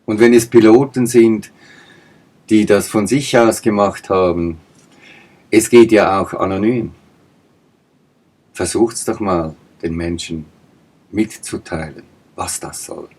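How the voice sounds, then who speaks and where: A man's voice: on the low side, slow pace, long pauses, darkish tone. A man giving an emphatic political monologue, asking pointed rhetorical questions and repeating his points. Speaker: political commentator.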